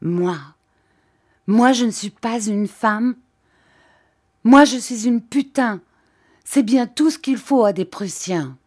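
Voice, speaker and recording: A woman's voice: lowish voice, animated, measured pace, a little mellow, no echo, studio quality. A woman voicing a fierce young woman who answers with vehement, defiant anger. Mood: indignant defiance.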